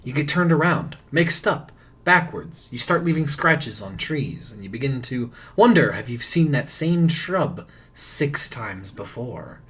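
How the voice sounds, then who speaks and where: A man's voice: mid-range voice, very animated, measured pace, a bit bright, slightly rough. A man narrating a tabletop game as game master, often laughing as he talks.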